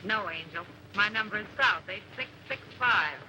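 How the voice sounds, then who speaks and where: An actress playing a flirty, sharp-tongued dame in 1930s Hollywood film style. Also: female voice, mid-range voice, animated, moderate pace, close to an everyday voice. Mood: flirtatious. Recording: noisy old film soundtrack.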